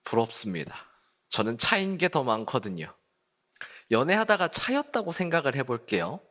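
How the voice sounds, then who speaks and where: At a church youth service, a youth group pastor preaches a sermon in a casual style, putting questions to the congregation. His medium-pitched voice is sing-song and a bit bright, at a normal speed.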